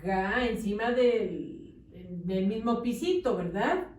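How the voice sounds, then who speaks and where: Slow, patient woman teacher in echoey room. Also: on the high side, animated, darkish tone. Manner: patient, slow, syllable-by-syllable dictation with check-in questions. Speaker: primary school teacher. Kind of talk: slow handwriting lesson for young children. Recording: echoey room, distant mic.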